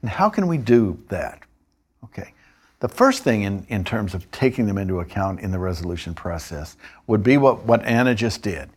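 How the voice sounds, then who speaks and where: Male instructor, husky and fairly low, measured explanatory lesson delivery. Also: very animated. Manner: measured, explanatory, with occasional restarts. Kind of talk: narrated training lesson.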